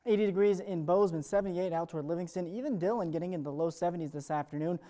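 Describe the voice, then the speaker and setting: In a live forecast presentation, a male meteorologist runs through the morning weather quickly, with cheerful ad-libbed broadcast chatter. His voice sits high and sounds mellow and smooth-edged rather than sharp.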